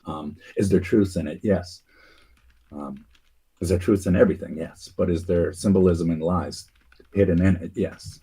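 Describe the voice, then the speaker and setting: A man's voice: deep voice, fairly even intonation, moderate pace, mellow, husky. A man hosting a casual talk show, rambling through a theory with many fillers and restarts. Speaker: podcast host.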